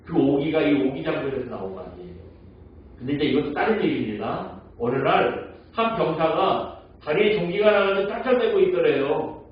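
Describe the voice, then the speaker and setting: A man preaching a Sunday sermon as pastor. He tells stories, asks the congregation questions and acts out quoted lines in a softer, slower voice. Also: on the high side, lively intonation. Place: church sanctuary. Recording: echoey church hall, mic at a distance, dull sound.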